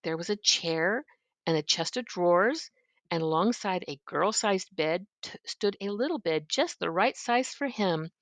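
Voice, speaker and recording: An older woman reading a children's story aloud in an expressive, gentle, grandmotherly manner. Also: lowish voice, a little slow, no room sound. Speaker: storybook reader.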